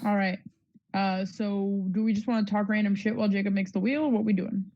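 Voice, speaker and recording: A woman's voice: mid-range voice, fairly even intonation, a little fast, no room sound, dull audio. A woman who runs the group's game, chatting casually in a teasing, laid-back way and swearing freely. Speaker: game master.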